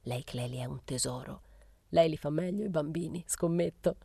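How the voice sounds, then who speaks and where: A woman's voice: sits low, fairly quick, mellow, dry recording. A woman reading the part of a playful, mock-gallant male painter who teases and flirts. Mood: flirting.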